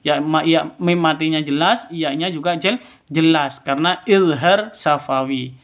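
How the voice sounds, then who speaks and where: A man's voice: a little high, a little slow, fairly bright tone. A man teaching Quran reading rules step by step, patient, repeating each rule twice. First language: Indonesian. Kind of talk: step-by-step recitation lesson.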